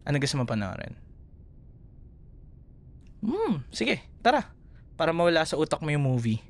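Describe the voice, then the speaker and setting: A man's voice sitting on the high side swoops wildly in pitch at a normal speed as he, with a Filipino accent, plays a tender, teasing young boyfriend. In this intimate ASMR roleplay he comforts a frightened partner in one-sided dialogue, chuckling often.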